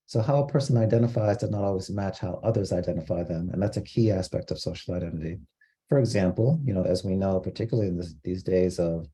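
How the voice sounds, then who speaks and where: A man from Costa Rica giving an online training lecture, explaining terms in a measured way with frequent fillers. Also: low-pitched, dark tone, slightly rough. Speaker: diversity trainer.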